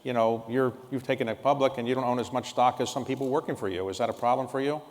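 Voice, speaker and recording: A man's voice: medium pitch, steady tone, fast. A man interviewing a guest on stage, asking blunt, probing questions with a wry edge. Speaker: interviewer, club president. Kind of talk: onstage interview. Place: large hall on stage. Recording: long hall reverb.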